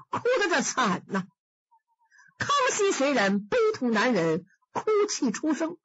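A woman performing traditional Chinese storytelling, vivid and animated as she acts out the figures. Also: a little high, slightly rough, no echo. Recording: dull dry studio recording.

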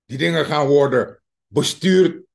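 Slow, high-voiced Surinamese Dutch man. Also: gravelly. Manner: slow, mocking, emphatic, addresses viewers as dear friends. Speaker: political commentator. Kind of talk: opinion commentary monologue.

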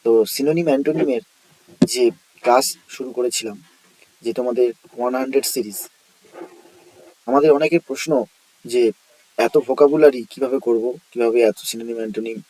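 Dark-voiced male vocabulary teacher. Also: medium pitch, no echo, poor audio. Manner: explains word by word, repeats words, asks and answers his own questions. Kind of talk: exam-prep vocabulary lesson.

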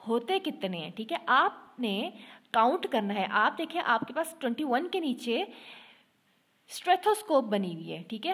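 A woman class teacher giving a slow, patient online lesson to young students, mixing English into her talk and often checking "okay". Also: high voice, fairly bright tone. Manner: mixes English with Urdu-Hindi.

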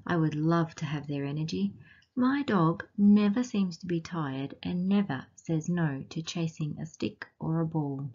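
A woman with an Australian accent reading a picture book aloud to children and asking them gentle, teacherly questions along the way. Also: sits low, a little slow, slightly rough, dull audio. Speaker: children's storytime reader.

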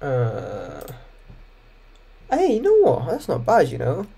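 A young man hosting a reaction video, commenting casually and breaking into loud, mocking bursts of disbelief. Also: mid-range voice, wildly swooping pitch, slow pace, vocal fry, breathy edge.

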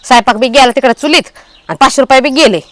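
A woman playing a nagging wife in a comedy skit, scolding loudly. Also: high-pitched, fast, no echo. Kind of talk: village comedy skit acting.

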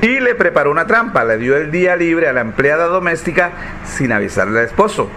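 A man telling jokes in a lively storytelling manner, with a fairly high speaking voice. A faint hiss runs under the recording. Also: a little fast. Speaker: joke teller.

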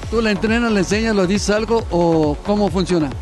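His voice sits high and a little mellow, moving fairly quickly, as this middle-aged Mexican Spanish-accented host runs an outdoor TV sports interview by a fountain. He holds the mic himself and sounds enthusiastic and exclamatory, with a music bed underneath.

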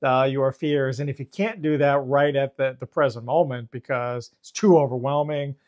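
A man, a therapist co-hosting a podcast, explaining calmly and mixing clinical terms with casual swearing. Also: medium pitch, moderate pace, dull audio. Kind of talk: casual chat.

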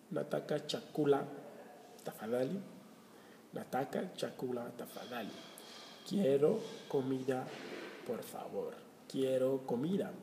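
A man teaching a slow language lesson, repeating and spelling out words letter by letter. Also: mid-range voice, warm tone, slight background noise. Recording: roomy echo with faint ambience.

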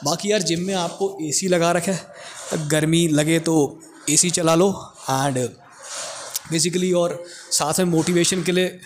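A man's voice: fairly high pitch, steady tone, slow, long pauses, slight background noise. A young man giving a casual, joking walking tour of a college gym, speaking on a lapel mic. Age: young adult. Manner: chatty, joking, addresses viewers directly. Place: indoor college gym, medium-sized room. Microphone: clip-on lapel mic.

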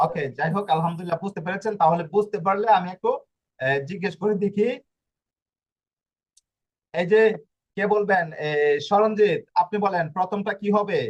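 High-voiced man teaching a video-call class. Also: fairly even intonation, moderate pace, long pauses. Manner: patient step-by-step explaining with rhetorical questions. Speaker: language teacher. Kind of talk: online language class.

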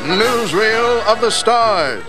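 A grand, brisk 1930s newsreel announcer for a cartoon, booming out his dramatic lines in a high voice. Music plays under him the whole time. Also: animated, exaggerated voice. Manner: punchy, dramatic announcer delivery.

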